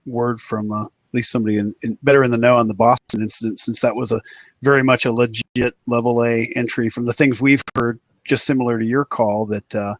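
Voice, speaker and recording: A man's voice: medium pitch, fairly even intonation, a little fast, no room sound, rough recording. A man hosting a podcast, explaining incidents in a casual, conversational way. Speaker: podcast host.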